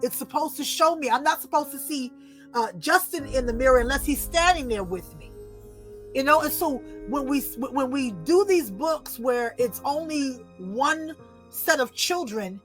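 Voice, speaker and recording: A woman who writes and illustrates children's books, telling personal stories as an interview guest in an expressive, animated way. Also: high-pitched, moderate pace, faint music behind. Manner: expressive, animated storytelling with acted-out voices. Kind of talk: storytelling in an interview.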